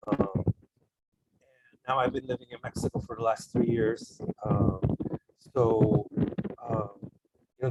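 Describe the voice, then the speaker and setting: Halting low-voiced man over loud noise. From El Salvador. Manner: halting, reflective, many fillers. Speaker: panelist. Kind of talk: panel discussion talk.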